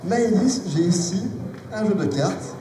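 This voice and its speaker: A man's voice: high voice, animated, unhurried, crowd noise. A man performing as a playful kids' party magician, coaxing volunteers and audience with storytelling patter in a live show. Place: live festival show, voice carried through a reverberant space. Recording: echoey hall, distant mic, music behind.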